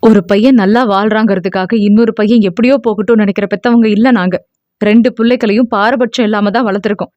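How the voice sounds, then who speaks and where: A steady, reassuring father in his sixties or older, voiced by a woman reading an audio novel in a lowered, measured tone. He scolds gently and promises support. Dull, dry recording. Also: no room sound, natural voice. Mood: firm. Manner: firm, reassuring.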